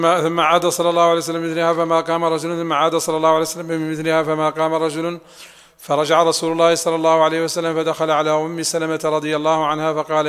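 A man reading a classical text aloud to a sheikh in a steady, even recitation. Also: on the high side, clean tone. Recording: long hall reverb.

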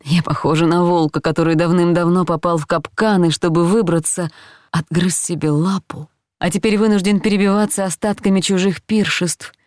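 A woman narrating a first-person novel in a measured, reflective reading voice, close to the mic. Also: on the low side, steady tone, a little mellow, dry recording. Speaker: audiobook narrator.

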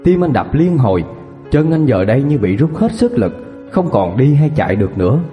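A man with a Southern Vietnamese accent narrating a scripted horror story in a steady manner. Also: medium pitch, moderate pace, lo-fi sound. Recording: long reverb with faint music.

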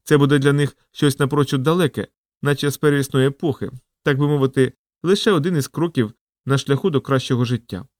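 A man voicing a young man who speaks in a solemn, measured way. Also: mid-range voice, a little mellow, dry recording, studio quality, lightly acted.

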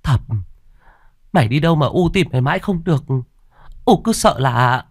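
A frantic village mother, played by a man in a spoken storybook, scolding fast out of fear. The pitch is raised above his usual low voice in a dry, close recording. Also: expressive, mellow, no room sound.

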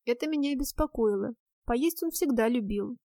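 A woman narrates a first-person audiobook with a wry, ironic delivery. Her voice sits fairly high. The recording is close and dry. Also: normal speed, mellow, dry recording.

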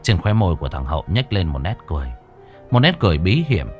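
A man's voice: sits low, fast, music in the background. A man narrating a horror story in a scripted, dramatic way. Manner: expressive, dramatic.

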